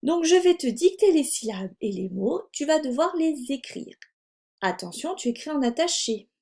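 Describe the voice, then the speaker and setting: A woman teacher with a French accent giving a slow, carefully articulated dictation lesson to a young child. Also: high-pitched, expressive, a little mellow. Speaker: primary school teacher.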